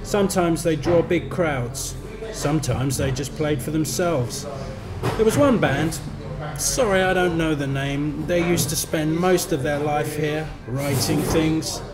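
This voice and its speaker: An English man with a slightly high voice reads, unhurried and lightly acted, as a chatty young pub bartender in a short story. He recounts a local legend in a friendly, matter-of-fact way, with music playing behind him.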